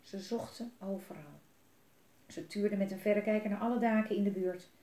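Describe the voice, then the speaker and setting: A woman reading a children's book aloud in a gentle, expressive way, adding asides for young listeners. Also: mid-range voice, fairly quick. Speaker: storyteller. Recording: roomy echo.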